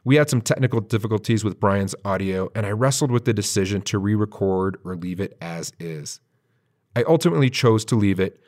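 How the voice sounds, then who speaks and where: Low-voiced man hosting a podcast. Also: darkish tone. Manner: measured storytelling narration. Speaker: podcast host. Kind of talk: scripted podcast intro and interview.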